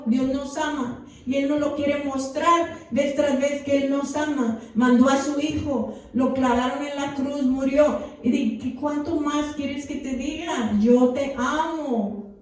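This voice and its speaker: A woman pastor with a high-pitched, darkish voice preaches a sermon fervently in a church, often adding amens. The recording is echoey, as if in a church hall, with her voice coming from far off.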